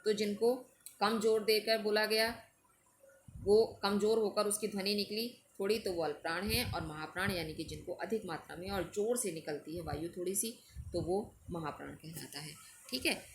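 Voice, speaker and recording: A woman teacher talks a class through a grammar lesson, patient and methodical. She explains each point step by step and checks in with the students often. A faint background noise sits under her mid-pitched voice. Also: moderate pace. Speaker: school Hindi teacher.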